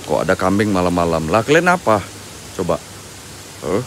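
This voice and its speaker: A man's voice: sing-song, moderate pace. Chatty man live-streaming outdoors at night. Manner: chatty and joking, thanking viewers by name; drops to low murmured prayers. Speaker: live-stream ghost-hunting host. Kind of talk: live-stream exploration commentary. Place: outdoors at night near a waterfall. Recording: loud outdoor background noise.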